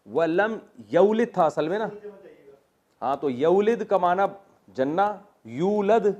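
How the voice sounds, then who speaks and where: A man's voice: high voice, expressive, darkish tone, muffled recording. A man with a Pakistani Urdu accent, a religious teacher giving a classroom lesson on Quran grammar, explaining step by step, quizzing his students and telling jokes.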